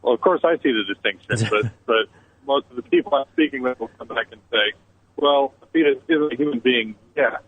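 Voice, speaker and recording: A man's voice: mid-range voice, a little fast. A man calling in to a radio show over a Bluetooth phone line, asking a question hesitantly and repeating words as he searches for phrasing. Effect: caller heard over a Bluetooth phone line. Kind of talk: call-in question. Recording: tinny phone-line call audio.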